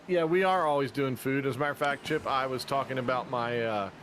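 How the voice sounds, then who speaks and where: A male race commentator with a medium-pitched voice talks through the action in a loose, joking way. He breaks into sudden bursts of excitement when a pass is on. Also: slight background noise. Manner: chatty and jokey, with quick bursts of excitement. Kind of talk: casual play-by-play commentary.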